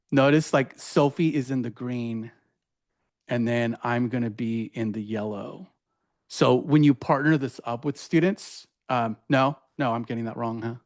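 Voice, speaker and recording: A man presenting a teaching strategy at a workshop, in a casual, chatty way with many fillers and tag questions. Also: medium pitch. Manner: casual, filler-heavy, says "right?" often. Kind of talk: conference workshop demo.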